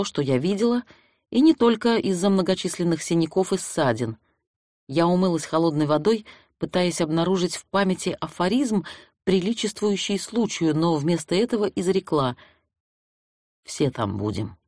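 A narrator reading a detective novel in the first person, ironic and lively in delivery. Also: mid-range voice, fairly quick, no room sound, studio quality. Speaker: audiobook narrator.

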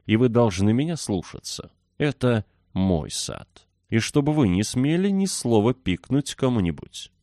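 A man's voice: medium pitch, big pitch swings, a little slow, dark tone, no room sound, studio quality, voice pushed up. A man voicing a proud, commanding young boy in a storybook reading, haughty in tone. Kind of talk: audiobook character voice.

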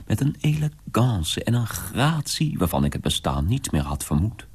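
A man's voice: low voice, creaky, a little mellow, husky, exaggerated voice. An actor playing a young son in a radio drama, confiding in his mother in a wondering, often whispered way. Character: young man telling his mother of a strange household.

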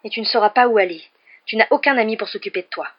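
A woman's voice: fairly high pitch, racing, breathy edge, pitched above the performer's own voice. A woman reading a storybook aloud, voicing a plump, cowardly, taunting boy with a whiny, mocking voice. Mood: scared. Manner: whiny and mocking, turning to panicked shrieks. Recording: dull lo-fi recording.

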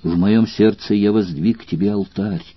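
A man with a husky voice reading the lines of a devoted, tormented gladiator in an audiobook, earnest and trembling with emotion. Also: on the low side, fairly even intonation, moderate pace, no room sound, highs cut off.

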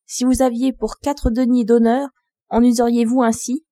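A woman's voice: on the high side, level tone, moderate pace, warm tone, no echo, lightly acted. A woman reading the lines of a spoiled young princess in a storybook, reproachful and insulting. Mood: angry. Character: ugly spoiled young princess, angry and scornful.

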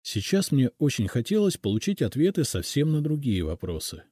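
Man, audiobook narration, animated intonation, calm. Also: medium pitch, moderate pace, no echo, clean studio sound. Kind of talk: scripted narration.

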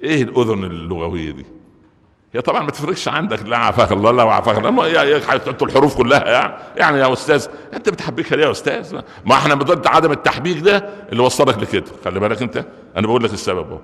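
Rapid-fire and expressive, a man gives a Friday sermon in an Egyptian Arabic accent with a medium-pitched, slightly bright voice. Between jokes he launches rhetorical questions, and the large hall lends long reverb.

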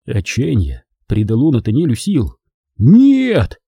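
A man narrating an audiobook with an expressive, dramatic reading. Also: mid-range voice, moderate pace, slightly rough, dry recording.

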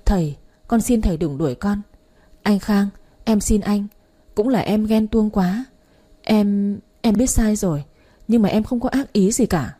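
A woman's voice: mid-range voice, a little slow, warm tone, lightly acted. A woman voicing a desperate young wife who pleads tearfully, her voice rising. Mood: pleading.

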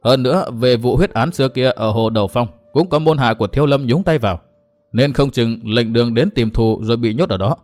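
A man's voice: mid-range voice, brisk, darkish tone, faint music behind. Male narrator reading a martial-arts novel. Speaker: story narrator.

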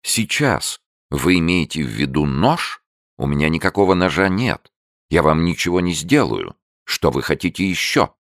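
A man reading an audiobook and voicing a brash young man who shows off his courage, bold and chivalrous, sharp when challenged. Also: deep voice, expressive, normal speed, no room sound, clean studio sound, pitched above the performer's own voice.

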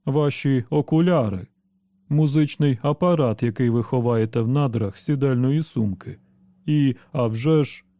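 A man's voice: medium pitch, unhurried, warm tone, dry recording, studio quality, close to an everyday voice. A man doing a smug, prim robot servant. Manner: self-satisfied, prim, falsely caring.

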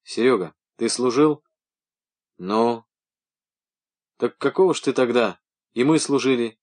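A man's voice: medium pitch, measured pace, a little mellow, lightly acted. A man reading an audiobook voices a blunt, easygoing young male student who talks plainly. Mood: matter-of-fact.

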